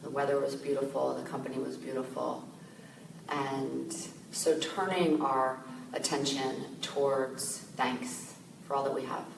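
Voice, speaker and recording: A woman with a low, gravelly voice leads a gentle guided meditation, unhurried and soothing. She sounds a little far from the mic in an echoey room, with clear ambient noise behind her. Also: flat delivery. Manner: gentle, slow, soothing guidance with soft fillers. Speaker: meditation teacher.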